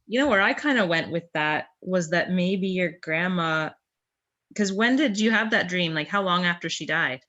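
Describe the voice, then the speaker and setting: Bright-voiced English woman. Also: fairly low pitch, animated, moderate pace, muffled recording. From England. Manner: chatty, thinking aloud. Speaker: podcast guest. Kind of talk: casual conversation.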